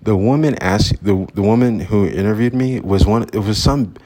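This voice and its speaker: A low-voiced man with a husky, grainy tone tells a personal story in a loose, rambling way. He is candid and swears freely, talking outdoors as if to a friend. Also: moderate pace, dark tone. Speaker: vlogger. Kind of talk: casual storytelling. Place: outdoors at sunrise.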